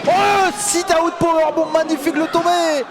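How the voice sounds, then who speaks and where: A man doing excited live play-by-play as a wrestling commentator, shouting out moves and stretching words. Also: very high-pitched, moderate pace. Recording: loud music and roaring crowd behind. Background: loud music, cheering crowd at wrestling show.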